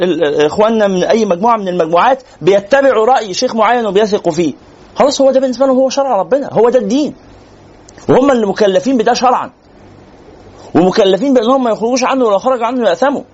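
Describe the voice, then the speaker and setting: A man with an Egyptian accent giving a religious lecture in a conversational, animated way, teasing and asking rhetorical questions. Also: sits high, rapid-fire, slightly rough, lo-fi sound. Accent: Egyptian Arabic. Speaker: sheikh lecturer.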